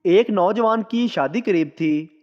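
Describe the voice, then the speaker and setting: Guy with a high voice reading jokes slow, muffled sound, long echo tail. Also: a little mellow. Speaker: joke narrator. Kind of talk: scripted joke reading. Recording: dull lo-fi sound with long reverb.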